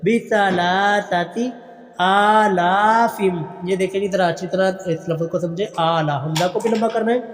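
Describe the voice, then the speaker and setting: A man teaching Quran recitation online. He chants each verse slowly and drawn out, then explains the pronunciation rules quickly and more softly. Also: high voice. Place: online class recording. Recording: long reverb with faint music.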